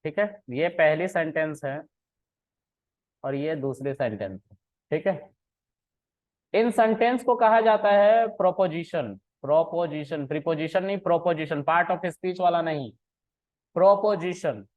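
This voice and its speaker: A man explains a lesson in an easygoing, conversational way, checking in with his listeners again and again. His voice sits a little high, and the recording is narrow and tinny, like a phone line. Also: slow pace, pauses often. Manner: conversational, frequent "ठीक है" and "है ना" checks; mixes English phrases into Hindi. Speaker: programming teacher. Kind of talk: casual lesson with a personal story.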